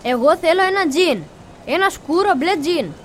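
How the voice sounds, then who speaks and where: A woman playing an eager teenage boy who talks in a lively way while shopping for jeans. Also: extremely high pitch, slight background noise.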